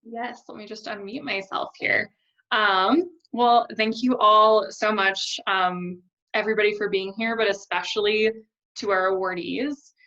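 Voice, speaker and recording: A woman's voice: medium pitch, measured pace. A woman co-hosting a virtual ceremony, giving grateful closing thank-yous. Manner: grateful, repetitive, steady. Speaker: ceremony co-host. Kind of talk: closing thank-you remarks. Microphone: video call. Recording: dull lo-fi video call audio.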